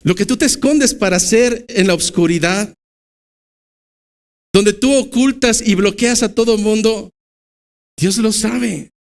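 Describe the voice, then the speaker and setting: A pastor with a Mexican Spanish accent preaches a church sermon in a voice that sits high for a man. He swings between loud, emphatic bursts and slow, low stresses.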